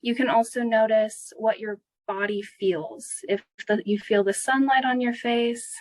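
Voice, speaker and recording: A woman's voice: a little high, fairly even intonation, unhurried, no echo, poor audio. Woman guiding a grounding exercise, close dry sound. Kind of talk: guided grounding exercise, conversational and unscripted.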